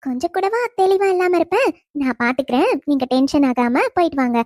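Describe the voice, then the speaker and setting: Calm, teasing young wife, voiced by a woman, very high and bright, dry studio read. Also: brisk, dry recording. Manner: gentle, soothing, teasing. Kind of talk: cartoon storytelling narration.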